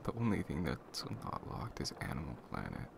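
A young man acting as a laid-back, caring best friend in a casual, intimate ASMR boyfriend role-play, murmuring conversationally with a gravelly voice. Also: a bass voice, huge pitch swings, normal speed, heavily acted. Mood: drowsy, chatty. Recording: clear background noise, ambient sound.

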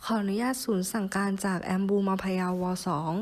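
A woman's voice: medium pitch, fairly even intonation, a little fast, darkish tone, big-room sound. A woman on an ambulance crew reporting over a walkie-talkie in a training drill, using clipped radio call-signs and codes and reading out vital signs steadily.

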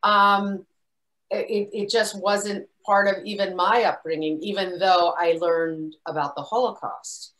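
A woman filmmaker on a video call answers questions in an easygoing way, with a voice of middling pitch. She often stops and restarts her sentences and keeps adding "you know.". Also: fairly even intonation, a little slow, fairly bright tone, low-quality recording. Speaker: filmmaker guest speaker. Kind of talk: casual Q&A talk.

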